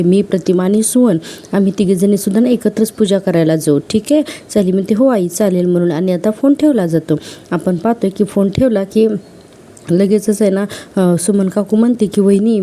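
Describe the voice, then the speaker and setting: A woman's voice: medium pitch, warm tone. A woman casually retelling a TV serial episode, quoting each character's lines with fillers and self-corrections. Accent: Marathi.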